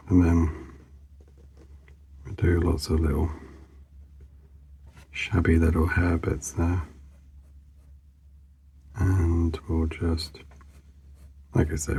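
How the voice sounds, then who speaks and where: A man's voice: extremely low pitch, level tone, takes it slowly, creaky, pauses often, mellow, husky. A man hosting a drawing channel, mumbling casual commentary to himself as he sketches, rambling with lots of fillers.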